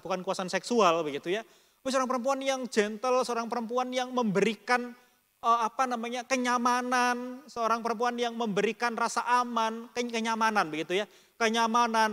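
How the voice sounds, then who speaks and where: In a large hall, a pastor with a high, slightly bright voice leads a Bible study in casual Indonesian with a Surabaya-region accent. He rambles, filling his speech with fillers, and talks straight to the congregation.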